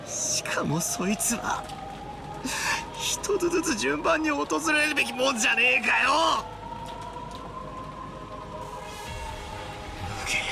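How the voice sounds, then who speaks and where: An actor playing a brash young man, grieving and furious, in rough slangy talk that swings from hushed whispers to shouting. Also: very high-pitched, animated, fast, over music, heavily acted. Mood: grieving, angry. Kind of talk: Japanese game voice acting.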